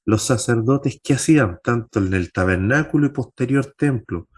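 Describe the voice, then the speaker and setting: A man teaching a Bible class as pastor, posing rhetorical questions and answering them himself, pushing his pitch up on key points. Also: lively intonation, moderate pace, darkish tone, husky.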